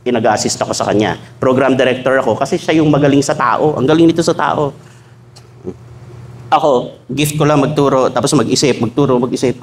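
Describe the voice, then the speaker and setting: A pastor with a medium-pitched voice preaches a sermon to a congregation in a church hall, and the recording has a little hiss or hum. He mixes jokes with teaching and acts out small dialogues using shifted voices.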